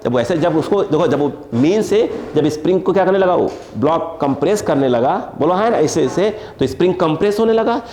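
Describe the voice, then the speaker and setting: A fairly high-voiced man lecturing on physics to a live class. He drags out key terms and keeps throwing questions at the students. A faint hum of room ambience sits behind him. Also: expressive, fairly quick, few pauses, darkish tone. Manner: questioning students constantly, stretching key words. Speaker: physics teacher.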